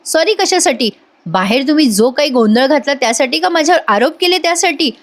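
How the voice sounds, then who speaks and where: A young expectant wife in a TV drama, voiced by a female reader reproaches her husband. The tone is firm and wounded, in the reader's own, somewhat high voice. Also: lively intonation, fairly quick. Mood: reproachful.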